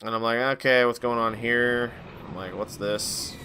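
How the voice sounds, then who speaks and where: A man's voice: medium pitch, fairly even intonation, moderate pace, noisy background. A tired man giving casual, rambling commentary over a strategy game, acting out his own reactions. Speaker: gaming YouTuber.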